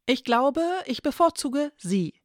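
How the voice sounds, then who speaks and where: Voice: high voice, animated, takes it slowly, no room sound, clean studio sound, voice pushed up. A narrator voicing Annika, a young woman who speaks earnestly and directly, with a raised voice.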